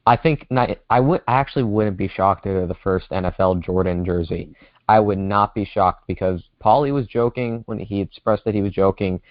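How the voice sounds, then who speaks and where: A male podcast co-host rants heatedly and swears during casual sports talk, heard over a remote call whose connection keeps dropping. His voice is lowish, and the audio is dull with no echo.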